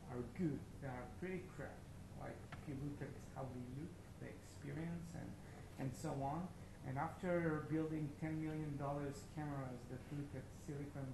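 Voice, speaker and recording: Israeli founder, mid-age, hesitant and filler-heavy; handheld mic in a large noisy open-plan room. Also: male voice, a little high, steady tone, creaky. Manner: halting, many fillers, non-native phrasing. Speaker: startup founder presenting. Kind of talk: meetup talk. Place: large open-plan office event space. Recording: echoey room with background noise.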